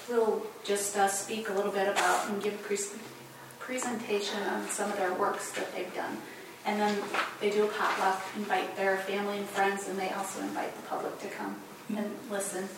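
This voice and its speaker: Woman, halting meeting report full of fillers; flat delivery, distant mic, heavy room echo. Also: medium pitch, background noise. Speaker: program coordinator reporting to a board.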